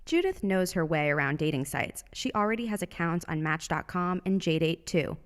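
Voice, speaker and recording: Low-voiced woman news reporter. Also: expressive, moderate pace. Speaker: radio reporter. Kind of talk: scripted news narration.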